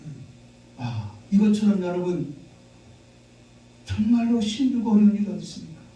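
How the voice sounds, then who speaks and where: A male pastor preaching a sermon with animated call-and-response delivery that rises into shouts. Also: high voice, moderate pace, heavy reverb, far from the mic, poor audio. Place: church sanctuary.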